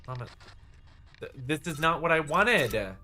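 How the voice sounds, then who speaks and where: A campy streamer with a mid-pitched, very animated voice chats casually through a game and with viewers, full of exclamations and drag slang. Clear background noise and ambience sit behind the voice. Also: unhurried. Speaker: live streamer and host. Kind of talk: casual live gaming commentary and chat with viewers.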